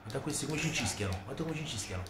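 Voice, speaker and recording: Emphatic man, wide-swinging pitch. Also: lively intonation, very fast. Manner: emphatic, exclamatory Italian delivery. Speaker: video game player. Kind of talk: casual commentary while playing a football video game. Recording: echoey room with game crowd noise. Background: football game crowd.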